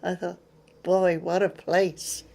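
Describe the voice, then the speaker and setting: A lowish, slightly mellow voice with vocal fry, delivered flatly and slowly, belongs to an older woman from England. Speaking with an English accent in an interview, she recounts memories plainly and plays out remembered exchanges.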